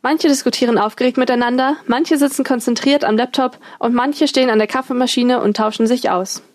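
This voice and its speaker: A woman's voice: a little high, fairly even intonation, fairly quick, no room sound, clean studio sound. A young woman student reading a scripted radio report. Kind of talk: scripted narration.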